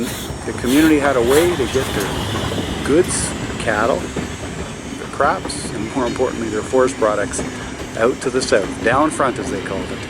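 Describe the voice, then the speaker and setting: A middle-aged man speaks at an average male pitch, chatting to his viewers as a vlogger. His manner is folksy and full of wonder. He is recorded outdoors at some distance from the mic, with loud wind and background noise over the voice. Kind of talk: outdoor vlog talk to viewers. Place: outdoors in woods and a logged clearing. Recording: windy outdoor audio, far from mic.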